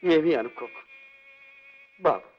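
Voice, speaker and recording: A man's voice: a little high, lively intonation, slow pace. An actor playing a destitute, broken old man who was once rich, speaking in a tearful, pleading, grieving way in an old film scene. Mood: weary broken. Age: older. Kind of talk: 1950s Telugu film acting. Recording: dull old film soundtrack, faint music.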